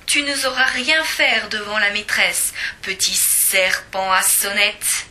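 A mocking schoolboy from a children's storybook, put on by a woman reading aloud. He taunts in a slow, lowered drawl, and the voice stays bright. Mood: taunting. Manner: teasing, taunting. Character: cheeky mocking schoolboy animal.

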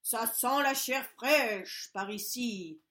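A woman voicing a huge, hungry male ogre in a storybook reading, growling his demands loudly and slowly. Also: on the high side. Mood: menacing. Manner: growling, loud and slow.

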